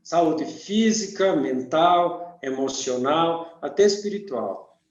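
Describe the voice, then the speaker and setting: An older man from Argentina, a radiesthesia teacher calmly explaining his field as a guest in an interview. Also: fairly high pitch, takes it slowly. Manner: calm, methodical, lists things one by one. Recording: dull, echoey call audio.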